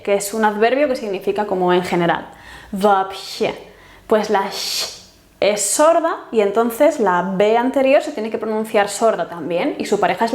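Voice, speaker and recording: A woman teaching a language lesson, patiently explaining and slowly repeating each example word with care. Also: a little high, darkish tone. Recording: roomy echo.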